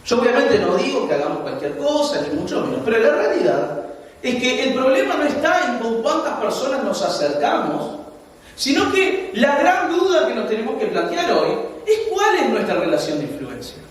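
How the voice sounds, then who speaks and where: A young adult man with a Uruguayan accent preaching a sermon as pastor, telling stories with animated, laughing asides. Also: extremely high pitch, moderate pace. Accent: Uruguayan Spanish. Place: church hall. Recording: echoey hall, mic far off.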